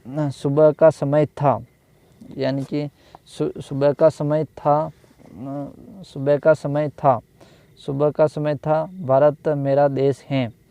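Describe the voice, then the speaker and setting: A man teaching a grammar lesson, repeating each phrase and pausing to think with restarts. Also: a little high, warm tone, smooth, no room sound. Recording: dull lo-fi dry recording.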